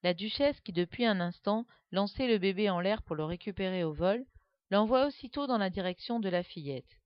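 A woman narrating a children's story with a lively, expressive reading, on a dull, dry recording. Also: medium pitch, moderate pace, no echo.

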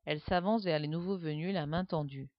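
A woman narrating a children's story with a lively, expressive reading, on a dull, dry recording. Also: low voice, brisk, no room sound.

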